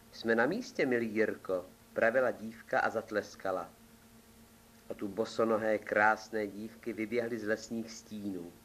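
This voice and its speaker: A man reads an old fairy tale aloud at a calm, measured pace, his voice sitting on the low side. A faint background hiss runs under the reading. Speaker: storyteller.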